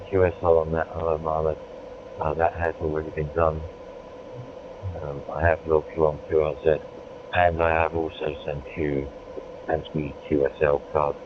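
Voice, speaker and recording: A man making a courteous, formal amateur radio contact with call signs over a crackly transmission. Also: very deep voice. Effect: crackly digital ham radio transmission. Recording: noisy, thin narrowband radio link.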